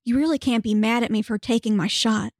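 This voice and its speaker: Woman doing a mischievous teasing spirit, casual, a bit gravelly, dry sound. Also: a little high, fairly even intonation, brisk, a little mellow, no echo.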